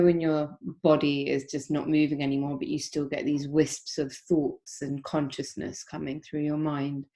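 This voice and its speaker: A woman yoga teacher introducing a guided meditation, talking in a gentle, unhurried way with frequent soft pauses and ums, over a video call. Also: deep voice.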